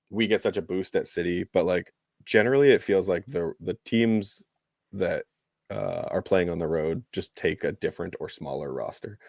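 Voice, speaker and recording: The clean studio recording, free of echo, captures a low-sitting male voice. He co-hosts a sports podcast, talking soccer casually and conversationally while hedging and using "like" a lot.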